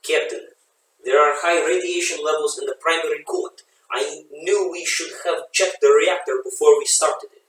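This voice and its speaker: A man's voice: on the high side, fairly even intonation, normal speed, fairly bright tone, slight background noise, close to an everyday voice. A man voicing a panicking male ship's doctor who speaks anxiously and insistently. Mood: alarmed. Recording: echoey room, voice from a distance.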